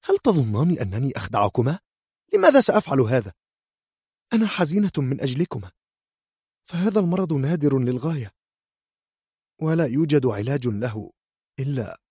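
A man's voice: mid-range voice, expressive, fairly quick, pauses often, warm tone, breathy edge, no room sound, clean studio sound, pitched above the performer's own voice. A man voicing a cool, shrewd young healer girl. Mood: stern. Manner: cool, matter-of-fact and bargaining.

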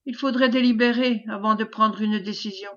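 A woman reading the part of a cautious, calculating older bourgeois husband who speaks in a measured way, on a dull lo-fi recording. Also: fairly high pitch, fairly even intonation, a bit bright, close to an everyday voice.

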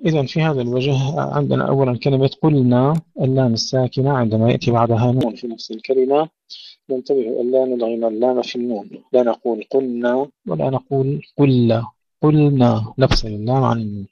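A man's voice: medium pitch, steady tone, fast, gravelly, mellow, no echo. A man teaching Quran recitation rules, carefully demonstrating how each sound should be pronounced. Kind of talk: tajweed lesson with recited examples. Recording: dull lo-fi dry recording.

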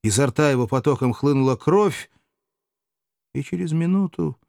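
A man narrating a historical novel as an audiobook in a steady, even manner. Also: on the high side, moderate pace, gravelly, no echo, clean studio sound.

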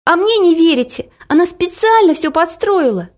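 A stubborn little girl's voice, high and very lively, pleading and shouting in protest, as a woman narrator puts her on. She swings up and down as she begs to be believed in this storybook telling. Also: a little slow. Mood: upset. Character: upset, stubborn little girl.

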